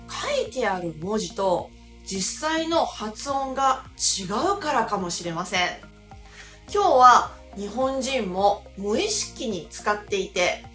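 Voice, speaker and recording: A Japanese woman teaching pronunciation in a clear, deliberate lesson style. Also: on the high side, a bit bright, echoey room. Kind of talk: scripted language lesson.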